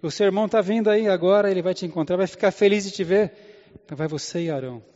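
A preacher acting out God as a firm, patient voice giving instructions and reassurance. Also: male voice, high voice, fast talker, a little mellow, close to an everyday voice. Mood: reassuring. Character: God, commanding yet patient fatherly male voice. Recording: echoey hall, dull lo-fi sound.

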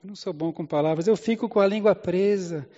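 A man's voice: high voice, brisk, dark tone, close to an everyday voice. A preacher acting out Moses as a timid, self-doubting man who pleads and stammers. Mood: hesitant. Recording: echoey hall, dull lo-fi sound.

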